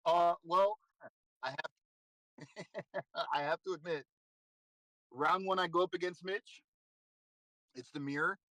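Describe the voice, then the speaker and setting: A man casually recapping his card game tournament, animated and swearing freely as he acts out his own thoughts. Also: a little high, slow, pauses often, no echo, poor audio. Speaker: competitive card game player.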